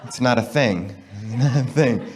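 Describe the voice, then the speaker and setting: Wry stand-up comedian from Texas. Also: male voice, medium pitch, moderate pace, darkish tone. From Texas, USA. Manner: wry, conversational storytelling. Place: comedy stage at an arts centre. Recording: live show with noisy room ambience.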